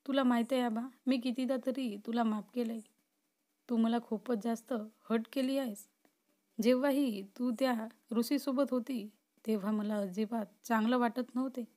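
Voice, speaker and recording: A woman's voice: fairly high pitch, steady tone, moderate pace, dark tone, lightly acted. A woman voicing an obsessive, possessive young man who swings between pleading and threatening in a storybook reading. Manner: pleading then threatening, intense.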